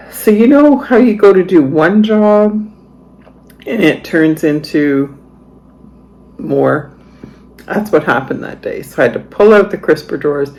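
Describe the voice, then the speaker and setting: A middle-aged woman chatting through a home vlog voice-over. She speaks at an unhurried, drawn-out pace, with a chatty, storytelling manner and a dry sarcastic streak. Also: low voice, expressive, a little mellow, low-quality recording. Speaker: vlogger.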